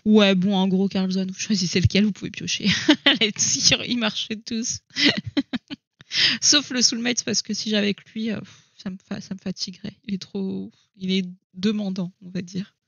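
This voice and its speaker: A woman's voice: mid-range voice, steady tone, fairly quick, creaky, no echo, muffled recording. A woman chatting casually to camera at home about her coloring books, thinking aloud and hesitating with many fillers. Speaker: coloring hobby vlogger.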